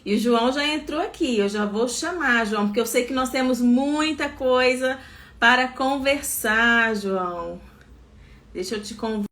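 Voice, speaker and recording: A woman hosts a live online interview over a video call. Her voice sits a little high, and her delivery is effusive, full of faith-filled phrasing. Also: measured pace, fairly bright tone. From Espírito Santo, Brazil. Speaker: host.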